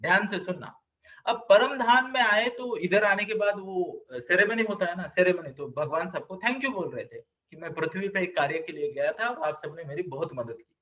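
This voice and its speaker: A man's voice: high voice, expressive, moderate pace, pushed and bright. A man who counsels children, telling a story as a lesson, asking the audience questions and having them repeat the key words. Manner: brief acted voices for the characters in the story. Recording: somewhat distant, slightly dull sound.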